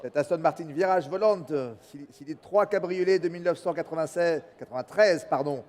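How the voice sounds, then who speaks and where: Higher-voiced male auctioneer in a reverberant hall. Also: fast talker, darkish tone. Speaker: French-language co-auctioneer. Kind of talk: formal auction announcing and bid calling. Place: large auction saleroom.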